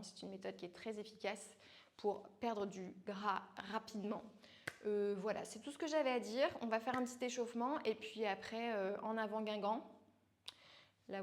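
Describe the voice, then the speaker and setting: A woman's voice: medium pitch, creaky. A woman leading a home workout as a fitness coach, chatty, joking and poking fun at herself between instructions. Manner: joking, chatty and self-mocking.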